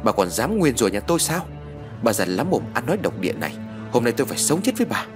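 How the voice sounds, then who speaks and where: A man voicing a furious young mother who shouts threats at an old woman. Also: medium pitch, sing-song, fast, over music, close to an everyday voice. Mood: raging.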